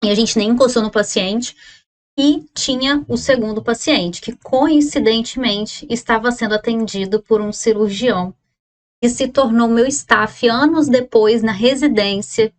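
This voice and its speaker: A woman in her thirties with a Brazilian Portuguese accent, a surgeon telling a story in a casual, animated vlog style with many restarts. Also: fairly high pitch, unhurried. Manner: chatty, animated retelling with restarts.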